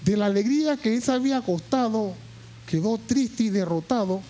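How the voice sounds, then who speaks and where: A man preaching a sermon, moving from quiet storytelling to shouted, impassioned high points and repeating phrases for emphasis. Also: brisk. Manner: repeats words and phrases while telling a story.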